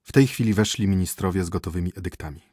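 A man narrating a story as an audiobook, telling it in a steady, dramatic way. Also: low-pitched, quick pace, slightly rough, no echo, clean studio sound.

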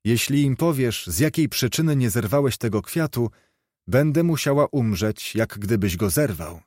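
A man voicing a young mountain fairy princess who speaks softly and pleads. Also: mid-range voice, lively intonation, normal speed, no room sound, studio quality, close to an everyday voice. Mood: mournful. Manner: pleading, soft.

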